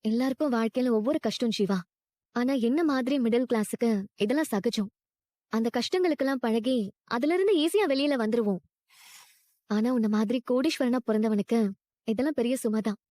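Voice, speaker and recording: A woman voicing a mellow, proud working-class young woman. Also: a little high, a little fast, pauses often, dry recording, clean studio sound, lightly acted. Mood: sympathetic. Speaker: woman who left her husband and now runs food stalls. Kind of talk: dubbed TV drama dialogue.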